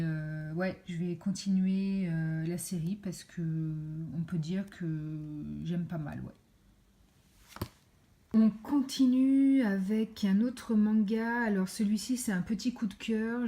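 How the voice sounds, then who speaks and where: A woman's voice: medium pitch, mellow. A woman reviewing books in a casual vlog, chatty and full of fillers as she shows pages to the camera. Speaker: book reviewer.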